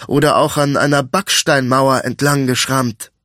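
A man gives voice to a cold, dangerous thief in an audiobook. He speaks slowly and deliberately, every word measured and threatening, in a dry, close recording. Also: mid-range voice, level tone, fairly bright tone, no room sound, close to an everyday voice. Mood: cold menacing. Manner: slow, deliberate and threatening, then snapping. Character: cold, menacing male thief, quietly dangerous. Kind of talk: audiobook character voice.

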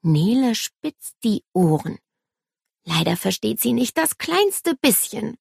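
A woman reading a children's story aloud as its narrator, slow and expressive. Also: a little high, vocal fry, breathy edge, no echo, studio quality.

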